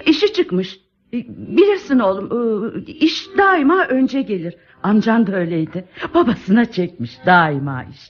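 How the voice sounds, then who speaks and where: A woman's voice: medium pitch, very animated, measured pace. An actress playing a lonely, doting older woman in an old radio drama, sweet and coaxing. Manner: doting, chatty, calls him "my child". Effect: old radio show recording. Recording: dull old radio recording, faint music.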